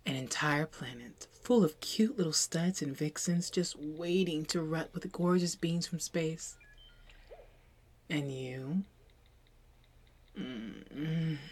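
Woman doing a teasing alien temptress, husky whispers, takes her time. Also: sits low. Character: possessive seductive female alien captor. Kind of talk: audio roleplay.

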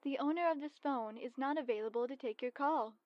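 A woman voicing an automated voicemail greeting heard over a phone line, formal and flat. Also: high voice, brisk, slight background noise. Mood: neutral. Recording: muffled phone line, dry.

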